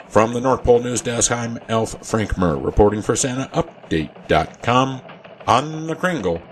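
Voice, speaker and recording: A man's voice: mid-range voice, lively intonation, normal speed, slight background noise, close to an everyday voice. A man playing an earnest Christmas elf news anchor, delivering a mock radio bulletin in a formal newsreader manner. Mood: earnest, official. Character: earnest male Christmas elf news reporter at North Pole.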